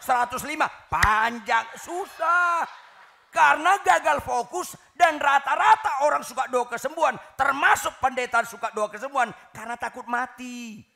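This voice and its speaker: A male pastor preaching a sermon to a congregation in a lively, teasing way, often shouting the punchlines. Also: very high voice, normal speed, creaky. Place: church hall.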